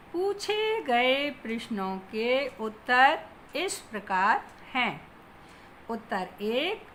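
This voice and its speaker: A woman teacher giving a Hindi lesson to children, dictating slowly and stressing each word. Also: a little high, sharp tone, slight background noise. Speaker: school teacher.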